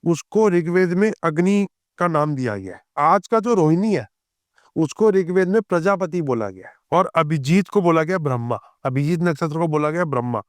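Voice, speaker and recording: A man explains astrology as a podcast guest in a smooth, resonant voice. His pitch sits a little high. The recording is dry and close. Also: lively intonation, no echo. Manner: reads scripture verses slowly, then explains in conversational tones.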